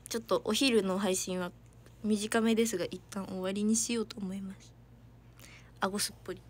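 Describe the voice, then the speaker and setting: A young adult idol from Hiroshima, Japan, livestreams from her family home, chatting casually, giggling, and reading out viewer comments. Her voice is medium-pitched and slightly rough, at a moderate pace.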